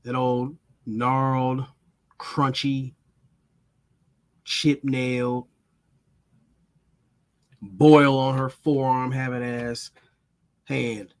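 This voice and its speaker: A man in a middle pitch tells a rambling story straight to camera. He swears freely and speaks bluntly, slowing down and pausing for effect. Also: little pitch movement. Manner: blunt, profane, dramatic pauses. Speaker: vlogger. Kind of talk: casual storytelling monologue.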